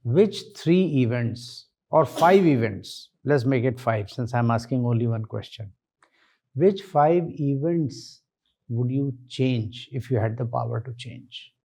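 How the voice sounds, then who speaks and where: A man with an Indian accent questioning as an interview panellist in a deliberate, wry, correcting way. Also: medium pitch, gravelly, warm tone, slightly rough.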